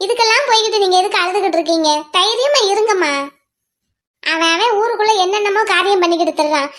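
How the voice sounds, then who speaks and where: A woman voicing a quick-tongued young village wife in a cartoon family drama, fast and outspoken. The voice is extremely high and the words tumble out at speed. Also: fairly bright tone. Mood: soothing. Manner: fast, argumentative, reasoning. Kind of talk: cartoon voice acting.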